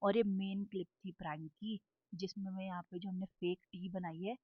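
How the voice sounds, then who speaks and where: A woman's voice: medium pitch, steady tone, moderate pace, slightly rough, narrow, tinny audio. A young woman chatting casually to her viewers in a home vlog, recorded on a phone, giggly and talkative. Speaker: vlogger. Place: home, kitchen and drawing room. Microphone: phone camera.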